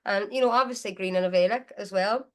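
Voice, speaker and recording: A woman's voice: medium pitch, fast talker. A woman with a Derry accent from Northern Ireland, telling stories casually as an interview guest. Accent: Derry, Northern Irish. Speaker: guest musician. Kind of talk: casual chatty storytelling.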